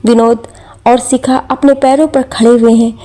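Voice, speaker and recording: A woman's voice: a little high, level tone, normal speed, mellow. A woman telling a family drama story in scripted narration, reading every character's lines in her own voice.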